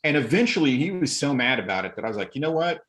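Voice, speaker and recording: A man telling stories in a relaxed podcast chat, acting out quoted exchanges with bursts of energy. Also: mid-range voice, very fast. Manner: animated retelling, acts out quotes, occasional laughs. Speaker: podcast guest. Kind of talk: casual storytelling.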